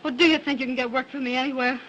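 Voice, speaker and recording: A woman's voice: high-pitched, fairly even intonation, very fast, fairly bright tone. A lost young nursery governess in an early 1930s talkie film. She talks hesitantly and pleads for help. The sound is dull and lo-fi, with faint hiss.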